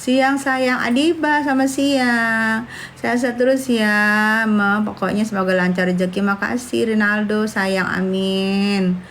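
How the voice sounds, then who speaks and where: A woman's voice: medium pitch, fairly even intonation, measured pace, fairly bright tone, slight background noise. A woman, chatting brashly and scornfully on a livestream, calling her viewers darling. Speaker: livestream host. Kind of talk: casual livestream chat with viewers.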